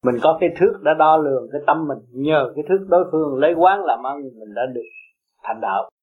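A man teaching Buddhism in a high, carrying voice. He talks bluntly and emphatically, pushing and coaxing his listeners by turns. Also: quick pace, breathy edge, narrow, tinny audio. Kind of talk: blunt Dharma talk to followers.

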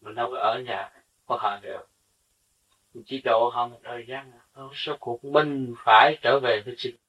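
A man's voice: mid-range voice, steady tone, normal speed, a bit bright, husky. A man giving an earnest spiritual sermon, teaching with rhetorical questions. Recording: dull lo-fi recording from a distance.

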